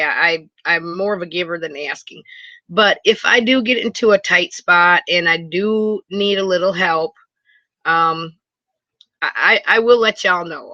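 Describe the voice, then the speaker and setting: A woman from Wisconsin chatting live with viewers from inside her motor home. She rambles and restarts often and gets excited easily. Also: lowish voice, no room sound, lo-fi sound. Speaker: live stream host. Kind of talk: casual live chat with viewers. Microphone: computer mic for a video hangout.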